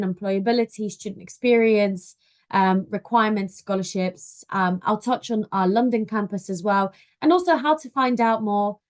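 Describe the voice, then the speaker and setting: A woman from Poland, a university outreach officer, giving a friendly webinar presentation with frequent "um" fillers over a video call. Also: mid-range voice.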